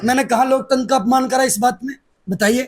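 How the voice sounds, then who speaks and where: A man's voice: very high voice, steady tone, quick pace. A man, speaking aggressively and defiantly as the guest in a heated political interview. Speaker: interviewee, activist.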